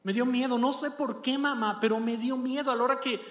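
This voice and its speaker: A man voicing a frightened little boy who talks softly and haltingly, stumbling over his words. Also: extremely high pitch, steady tone. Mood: uneasy. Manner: soft, hesitant, stammering child voice. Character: anxious little boy, uneasy and scared. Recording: echoey church hall.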